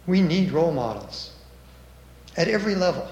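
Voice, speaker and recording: A man preaching a sermon and reading scripture aloud, with a measured, emphatic delivery and dramatic rises. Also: fairly high pitch, sing-song, a little mellow, roomy sound, lo-fi sound.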